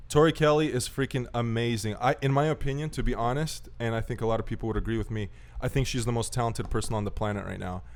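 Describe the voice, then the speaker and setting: A man co-hosting a casual podcast, talking excitedly and laughing often, with frequent restarts and repeated words. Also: medium pitch, fast talker, hardly any pauses. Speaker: podcast co-host. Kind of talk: casual chat.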